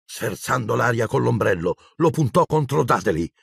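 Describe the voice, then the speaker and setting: Gravelly husky man narrating an audiobook. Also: mid-range voice, moderate pace, no echo, studio quality. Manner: expressive, theatrical storytelling.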